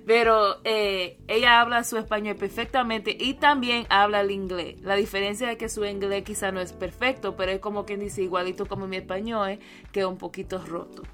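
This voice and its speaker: Bright-voiced woman podcast host. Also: mid-range voice, steady tone, brisk, soft background music. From United States. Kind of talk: conversational podcast interviewing.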